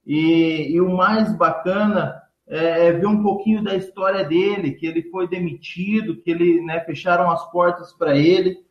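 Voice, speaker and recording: A man, a teacher of entrepreneurship, answering interview questions in relaxed talk with many fillers and trailing phrase ends. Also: high voice, moderate pace, hardly any pauses, reverberant, muffled recording. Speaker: entrepreneurship teacher and speaker, guest.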